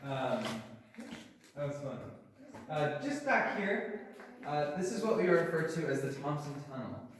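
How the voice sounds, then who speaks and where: A man's voice: a little high, big pitch swings, unhurried, pauses often. Echoing cave guide, a man heard from afar. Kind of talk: guided tour commentary. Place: underground cavern with tour group. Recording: echoing cave, distant mic, noisy.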